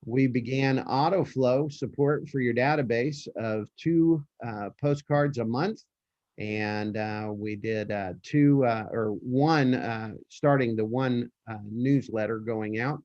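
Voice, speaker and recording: A man leading his office team through a meeting over a group video call, talking in a halting way with many fillers and restarts. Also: medium pitch, a little mellow, dry recording. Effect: heard over a group video call. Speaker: real estate office leader running a team meeting. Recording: muffled, dry video-call audio.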